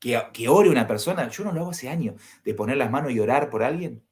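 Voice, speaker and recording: Argentine pastor telling a story with gusto. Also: male voice, medium pitch, quick pace. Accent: Argentine Spanish. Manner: animated, acts out dialogue and asks the listeners questions. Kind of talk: personal storytelling to an audience.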